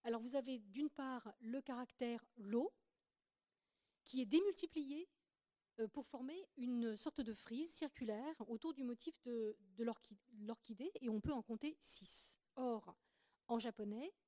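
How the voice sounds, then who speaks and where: A woman giving an academic lecture, explaining slides carefully and pausing often to rephrase as she speaks. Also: fairly high pitch, warm tone, no room sound, studio quality. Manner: careful, explanatory, with frequent hesitations and restarts.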